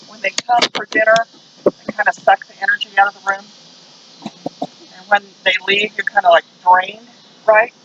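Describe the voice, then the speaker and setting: A man's voice: sits high, level tone, moderate pace. A man telling local stories to a tour group in a folksy, conversational, digressive way. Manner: folksy, digressive, acts out short quotes. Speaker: ghost tour guide. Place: outdoors on a noisy street. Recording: dull outdoor street recording with traffic noise.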